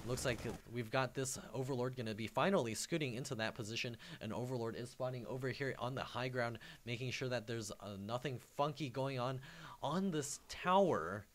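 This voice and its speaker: A man's voice: mid-range voice, moderate pace. Chatty young man casting a strategy game. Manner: rambling, self-deprecating, chuckles often. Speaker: game caster. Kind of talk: live esports commentary.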